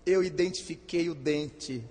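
Male lecturer, high voice, comic storyteller who acts out the dialogue, long hall reverb. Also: measured pace, slight background noise. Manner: lively, self-mocking, acts out the dialogue. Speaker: speaker at a spiritist gathering.

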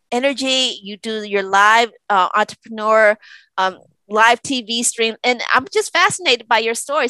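A woman hosts an interview podcast in a friendly, loose manner with some fillers. Her voice sits somewhat high. The sound is dry and close, as on a video call. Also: sharp tone, dry recording. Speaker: podcast host. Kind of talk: casual interview chat.

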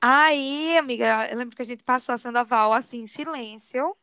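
A woman telling a personal story to a friend in a confiding, animated way. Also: a little high, moderate pace, clean tone, dry recording, clean studio sound. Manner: animated confiding storyteller, often says "amiga". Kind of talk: casual storytelling chat.

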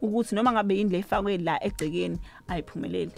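A woman's voice: mid-range voice, rapid-fire, vocal fry, a little mellow. A woman with a Zulu accent presenting a radio show as its host.

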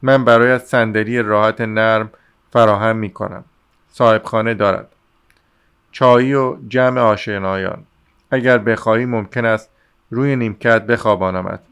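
A man reading the lines of an exasperated young man who shouts at and scolds his friend. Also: lowish voice, steady tone, clean tone. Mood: scolding.

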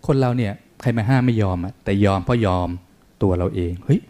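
A man, a Buddhist monk, answering a question in a Dharma talk with calm explanation. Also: lowish voice, a little fast. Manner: calm explaining, acts out examples.

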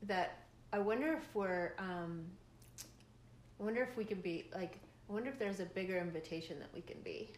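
A middle-aged woman chats on her podcast, rambling through her thoughts with plenty of fillers and easy laughter. Her voice sits in a middle pitch. The recording is echoey, with a faint hiss behind her. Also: normal speed. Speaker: podcast co-host. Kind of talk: casual chat. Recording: echoey room, faint noise.

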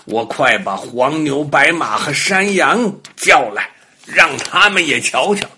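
A man's voice: on the high side, lively intonation, slow, pushed and bright, slight background noise, exaggerated voice. A man voicing a boastful, cowardly little spotted puppy that squeals and wails in a children's storybook. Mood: gleeful. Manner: squealing, wailing, bragging.

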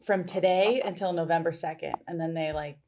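Woman, comedian guest, lower pitch, rambling, dry humor. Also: steady tone, a little fast, a little mellow, a little hiss or hum. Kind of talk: casual comedic chat.

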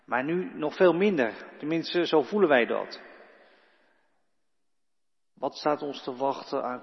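Brief: slightly high-voiced male pastor, calm and reflective, preaching in a reverberant church. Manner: calm, reflective preaching that speaks to listeners directly. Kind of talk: sermon. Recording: echoey church hall, dull lo-fi sound.

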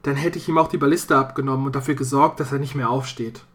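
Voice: mid-range voice, steady tone, quick pace, lightly acted. A narrator voicing a young man with a guilty conscience, coaxing and stammering to his sweetheart.

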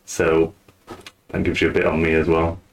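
A man hosting a casual podcast chat, talking in a relaxed, rambling way. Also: extremely low pitch, moderate pace, vocal fry, slight background noise. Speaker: podcast host.

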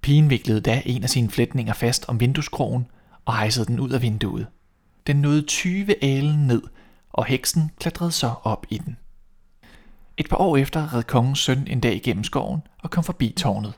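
Calm male fairy-tale storyteller. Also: mid-range voice. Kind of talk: reading a fairy tale aloud.

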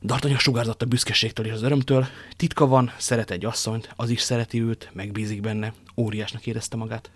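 A man's voice: medium pitch, flat delivery, few pauses, dry recording. A man reading a novel aloud as narrator, now and then stumbling and restarting. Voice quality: slips and restarts while reading. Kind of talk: audiobook reading.

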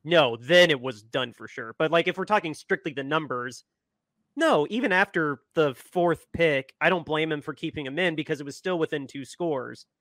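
A man on a casual sports podcast gently argues his point, hedging often and dropping the filler "no". His voice sits a little above average pitch for a man. The sound is dry and close-miked. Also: lively intonation, normal speed, no echo. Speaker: podcast co-host.

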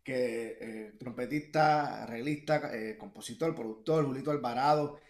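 A man's voice: mid-range voice, moderate pace. Puerto Rican man, young musician, rambling speech full of fillers, echoey room on a video call. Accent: Puerto Rican Spanish. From Puerto Rico. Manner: rambling with many fillers and restarts. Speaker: musician guest. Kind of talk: casual interview talk.

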